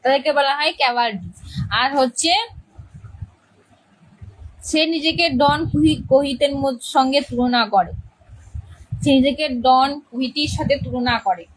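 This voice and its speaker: A woman's voice: high voice, a little slow, long pauses, low-quality recording. A woman English teacher explaining a play's characters to students, repeating key words and often checking that they understand.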